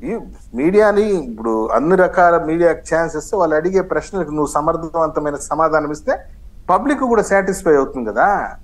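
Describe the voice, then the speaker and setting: A man's voice: fairly high pitch, lively intonation, brisk, poor audio. A man speaking as a party spokesman in a heated TV news debate, combative and sarcastic, slipping in English phrases.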